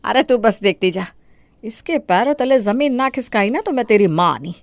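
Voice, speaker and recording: A woman's voice: fairly high pitch, expressive, moderate pace, no echo. A woman voicing a scheming, melodramatic older mother-in-law who wails and complains theatrically in a cartoon.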